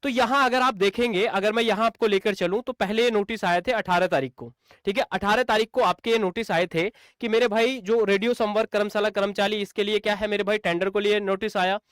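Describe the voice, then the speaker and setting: Speaking fairly quickly with rather even intonation, a high-pitched man coaches for exams in an explainer video. His tone is clean and a bit bright, the studio-quality recording free of room sound. He repeats himself, answers his own rhetorical questions, and calls viewers friends and brother.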